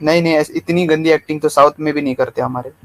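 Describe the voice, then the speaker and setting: A man who is a guest in an online debate, calm and questioning. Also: fairly high pitch, fast.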